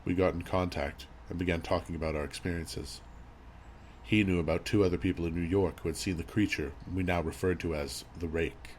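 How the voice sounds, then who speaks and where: Male horror narrator, very deep register, measured and grave delivery, slight background noise and ambience. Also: steady tone. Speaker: creepypasta narrator. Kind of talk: scripted horror story narration.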